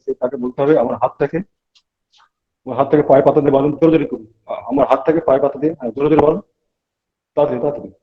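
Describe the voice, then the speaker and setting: A man teaches students at a hospital bedside, rattling through explanations at a brisk clip. He stops often to check that they follow and to coach the patient. The recording sounds muffled and lo-fi. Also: mid-range voice, fairly even intonation. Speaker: medical lecturer. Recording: dull lo-fi recording.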